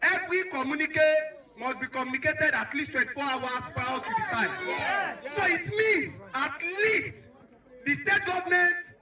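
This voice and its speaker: Nigerian man shouting a protest speech. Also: very high voice, moderate pace. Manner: declamatory, emphatic, repetitive rallying phrases. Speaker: protest speaker. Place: outdoor protest crowd. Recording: echoey crowd recording from far off.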